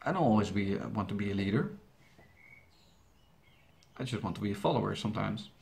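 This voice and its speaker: Answering viewer questions in English, this young Dutch YouTuber, who runs a reaction channel and grew up speaking Dutch in the Netherlands, talks a little fast. His fairly low voice is expressive, gravelly and slightly mellow. He jokes around and rambles, stumbling through frequent fillers and restarts.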